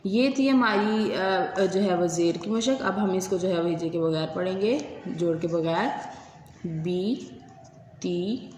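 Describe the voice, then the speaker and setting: A woman teacher with a Pakistani Urdu accent, giving a patient classroom lesson and slowly sounding out letters. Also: lowish voice, a little mellow. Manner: patient, drawn-out letter recitation. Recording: echoey hall, faint room noise.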